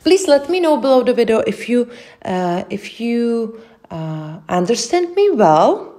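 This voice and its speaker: Young Czech woman, Czech accent, crochet tutor; mellow, unhurried delivery, halting between steps. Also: fairly high pitch, very animated. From Czech Republic. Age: young adult. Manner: slow, careful, with many hesitations. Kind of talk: step-by-step craft instruction.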